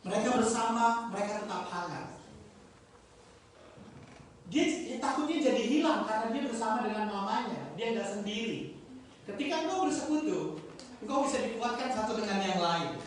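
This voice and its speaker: A male pastor delivering a sermon with stories, moving from quiet confiding to loud exhortation. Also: high-pitched, moderate pace, slight background noise. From Indonesia. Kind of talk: sermon with storytelling. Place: church hall. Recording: echoey hall, picked up from a distance.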